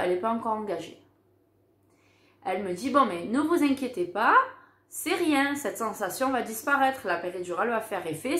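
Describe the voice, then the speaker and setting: A woman telling a personal story in a casual, animated way, acting out the dialogue she recounts. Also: mid-range voice. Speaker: mother telling her birth story. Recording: roomy echo.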